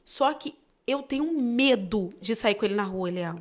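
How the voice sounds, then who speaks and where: A woman with a Brazilian accent chats as a podcast guest, telling anecdotes with lively expression. Her voice sits a touch high for a woman. She keeps it casual and conversational. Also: normal speed. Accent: Brazilian Portuguese. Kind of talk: casual storytelling chat.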